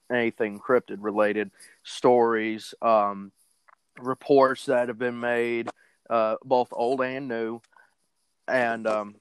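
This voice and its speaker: A man's voice: mid-range voice, smooth, no room sound, rough recording. Rambling man on a dry call. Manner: rambling, filler-heavy, self-correcting. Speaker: podcast co-host guest. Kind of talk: casual chat on a call.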